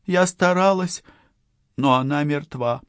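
A man's voice: high voice, measured pace, creaky, dry recording, voice pushed up. Shaken female partner cop voiced by a man, trembling, pleading, dry close recording.

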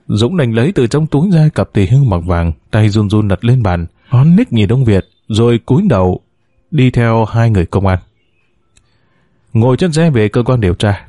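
A man's voice: on the low side, mellow, no room sound, clean studio sound. A man narrating a family drama story, reading the narration and voicing every character himself.

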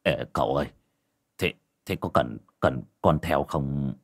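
A man's voice: rumbling low, unhurried, voice pushed down. Man doing a stammering, trembling old clan elder. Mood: timid. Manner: stammering, hesitant.

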